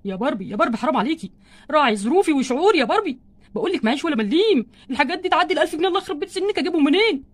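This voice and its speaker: A woman's voice: high voice, expressive. A woman with an Egyptian accent voicing a stingy, flustered husband doll in a play, grumbling and complaining about money. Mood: exasperated. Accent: Egyptian Arabic. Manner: exasperated grumbling, fast and wordy.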